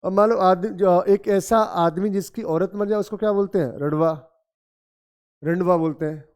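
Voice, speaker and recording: Speaking at an ordinary speed, this middle-aged Hindi-accented man has a high, smooth, somewhat dark voice. In his English vocabulary class he calls the students children and repeats important words several times.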